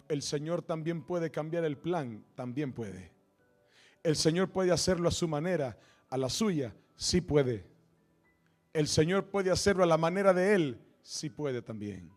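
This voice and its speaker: Emphatic male pastor preaching over soft music. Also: fairly high pitch. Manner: emphatic, repetitive preaching with quoted voices. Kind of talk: sermon. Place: church sanctuary.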